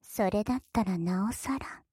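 A woman voicing a playful, teasing younger sister in a whispered role-play, giggling and drawing out her words in a husky voice. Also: medium pitch, normal speed, mellow, no room sound, clean studio sound.

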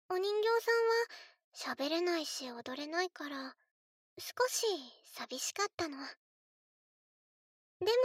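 A woman's voice: extremely high pitch, a bit bright, no echo, studio quality, exaggerated voice. A woman voicing a spoiled, eerily sweet little girl in a scripted role-play, cutesy and coaxing as she speaks to the listener as if to her doll. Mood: playful, insistent. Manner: cutesy, coaxing, childlike, refers to herself in third person.

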